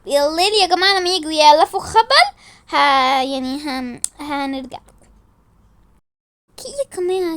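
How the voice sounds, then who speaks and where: A woman with an Egyptian Arabic accent, chatting casually to her viewers while setting up a prank. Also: extremely high pitch. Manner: chatty, addresses viewers as a group. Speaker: prank vlogger.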